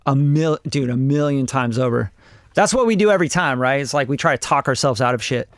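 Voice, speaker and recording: His medium-pitched voice is brisk, captured in clean studio sound with no room reflections. The speaker, a forties-aged Costa Rican producer, reviews songs on a casual livestream, rambling, blunt and prone to cursing.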